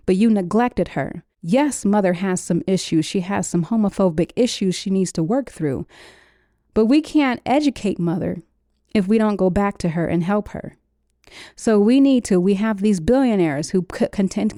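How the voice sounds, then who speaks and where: Female podcast host, fervent preaching delivery, warm dark tone, no room sound. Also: mid-range voice, no echo, clean studio sound. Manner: urgent, preaching, repeats phrases for emphasis. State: slightly wheezy. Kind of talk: impassioned solo podcast monologue.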